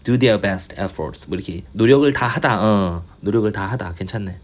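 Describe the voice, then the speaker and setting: A man tutoring English in a casual online lecture, thinking aloud, muttering mild swears and reading English lines slowly. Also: lowish voice.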